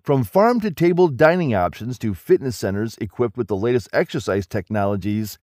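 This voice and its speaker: A man delivers scripted documentary narration in a smooth, evenly paced promotional tone. His pitch rises and falls in a lively way across each sentence. Faint music plays beneath the voice-over. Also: dry recording, clean studio sound.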